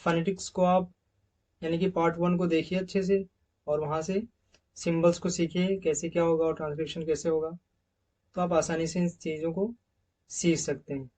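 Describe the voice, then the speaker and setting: A man's voice: fairly high pitch, level tone, moderate pace, a little mellow, recorded from a distance. A man teaching English pronunciation, saying each sound several times over and calling viewers his friends. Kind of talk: recorded slide lesson on pronunciation.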